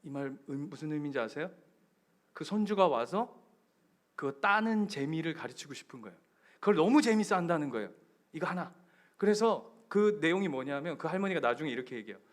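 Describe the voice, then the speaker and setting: A male pastor preaching a sermon, telling stories and acting out quotes, building up to loud passages. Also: on the high side, animated, fairly quick. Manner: storytelling, acting out quotes, rising to shouts.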